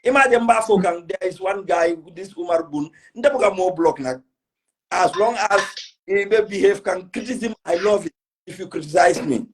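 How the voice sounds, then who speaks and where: A man's voice: high-pitched, normal speed, poor audio. A man with a West African accent hosting a casual political live chat, speaking emphatically and repeating his phrases. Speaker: host of a political live stream. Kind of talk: casual political live chat, mixing English with a local language.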